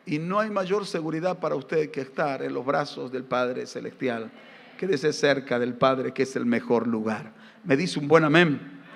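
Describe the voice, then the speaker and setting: High, bright-voiced Argentine preacher. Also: male voice, creaky. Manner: emphatic, fires rhetorical questions at the congregation; folksy, tells humorous family anecdotes. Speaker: pastor. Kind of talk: sermon. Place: church sanctuary during a live service. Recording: reverberant church hall.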